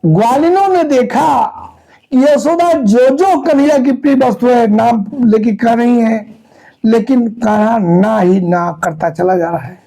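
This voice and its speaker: Man telling a devotional story in a sermon, really slow, warm mellow voice. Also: extremely high pitch, rough recording. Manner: dramatic storytelling with repetitions.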